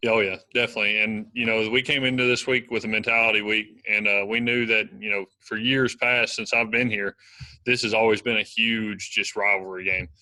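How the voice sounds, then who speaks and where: A young man answers press questions at a brisk clip, piling on "you know" and "uh" as he goes. His voice is bright and tense, with a flat, steady pitch. The recording is dry and close. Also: no echo, rough recording. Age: young adult. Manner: fast, filler-heavy talk with many "you know"s. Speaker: college football offensive lineman.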